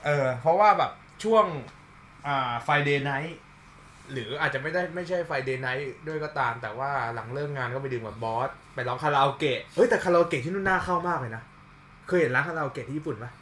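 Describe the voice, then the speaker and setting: Male podcast host, quick and crisp, slangy with friends, polite to listeners. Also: a little high, a bit bright, a little hiss or hum. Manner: loose and swearing among friends, polite when addressing listeners. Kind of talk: casual podcast chat, reading out facts.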